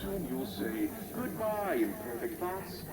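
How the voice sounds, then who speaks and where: A man's voice: sits high, big pitch swings, takes it slowly, full character voice. Showy propaganda ad man in a game, super swoopy voice, far away n really noisy. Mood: zealous, selling. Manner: showy, slogan-heavy salesman delivery. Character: zealous male propaganda pitchman, head refresher of re-education clinic. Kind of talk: scripted promotional announcement.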